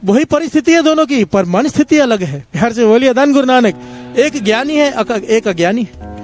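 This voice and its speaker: A man's voice: extremely high pitch, expressive, normal speed, a little mellow, faint music behind. A man giving a devotional sermon, telling parables and repeatedly leading the congregation in a call-and-response chant. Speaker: satsang preacher.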